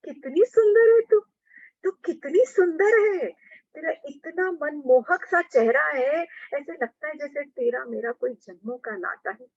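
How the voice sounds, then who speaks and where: A woman voicing a gentle young princess who speaks softly and adoringly. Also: sits high, unhurried, vocal fry, hardly any pauses, dry recording, voice pushed up. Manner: soft, adoring. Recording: dull lo-fi recording.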